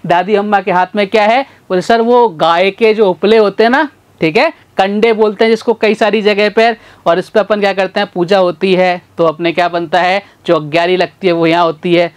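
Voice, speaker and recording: A man teaching a literacy lesson in a folksy, repetitive call-and-response way. He sounds out syllables slowly and calls his learners brother and sir. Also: high voice, steady tone, smooth. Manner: slow, sounds out syllables one by one.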